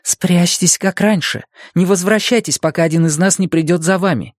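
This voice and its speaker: A woman's voice: fairly low pitch, moderate pace, no room sound, studio quality, pitched above the performer's own voice, natural voice. A man voicing a determined woman doctor in danger, giving urgent commands in an audiobook.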